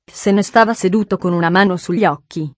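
Female audiobook narrator, calm even delivery, close dry studio sound. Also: on the low side, a little fast, no room sound. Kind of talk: scripted narration.

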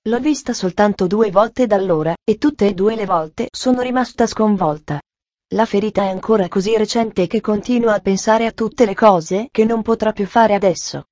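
A woman's voice: medium pitch, moderate pace, a little mellow, no echo, close to an everyday voice. A woman voicing a young housemaid in an audiobook, speaking respectfully and close to tears. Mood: distressed. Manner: respectful, tearful, apologetic.

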